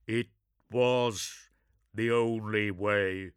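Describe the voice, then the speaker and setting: A man voicing a cold, solemn armoured male warrior with a dry voice, slow and over-enunciating every syllable. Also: on the low side, steady tone, smooth, no room sound.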